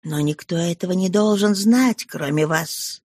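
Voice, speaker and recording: A woman voicing a calm, humble man under arrest who pleads in a hushed voice, in a storybook reading. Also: fairly low pitch, a little slow, no room sound, clean studio sound. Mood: quiet, pleading. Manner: quiet, restrained pleading.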